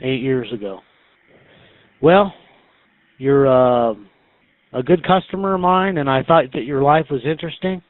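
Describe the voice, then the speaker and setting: A man conducting a casual interview, asking halting, hesitant questions with many pauses. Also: mid-range voice. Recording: tinny phone-like band, roomy echo.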